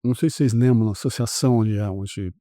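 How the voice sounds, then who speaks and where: A man from Brazil, around his forties, telling a story as a podcast guest in a casual, animated way and acting out the other people's lines. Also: on the low side, fast talker, no room sound, clean studio sound.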